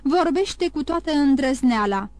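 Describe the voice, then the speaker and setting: A woman's voice: sits high, expressive, darkish tone, no room sound. A woman voicing an aging king who is imperious and alarmed, firing commanding questions at his ministers. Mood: anxious.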